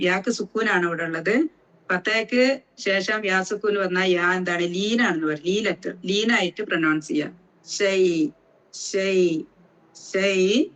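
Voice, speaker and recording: A woman teaching Quran recitation rules, speaking slowly and deliberately and drawing out each letter sound to show how it is made. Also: medium pitch, fairly bright tone, rough recording.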